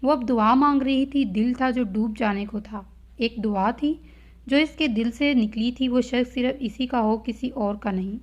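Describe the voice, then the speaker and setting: A woman hosting her channel and reading a romance novel aloud with expressive storytelling. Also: fairly high pitch. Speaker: novel reader, channel host. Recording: dull lo-fi audio.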